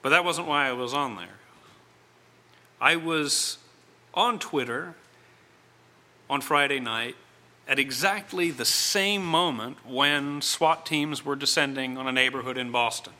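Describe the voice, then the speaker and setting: A middle-aged man delivering a reflective sermon, speaking in deliberate, measured phrases with dramatic pauses. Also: medium pitch, bright, forceful tone. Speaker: preacher.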